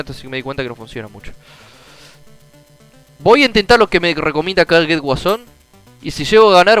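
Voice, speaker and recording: A young man with a Rioplatense Spanish accent talks over his gameplay in a clear, resonant voice that sits high and leaps all over the place. He grumbles, swears and suddenly shouts in frustration. Faint game music plays behind him. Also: poor audio. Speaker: gameplay streamer. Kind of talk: casual gameplay commentary.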